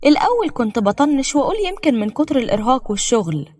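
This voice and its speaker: A woman's voice: high voice, sing-song, rapid-fire, darkish tone. A woman with an Egyptian Arabic accent narrating a scripted first-person story in an emotional, dramatic way.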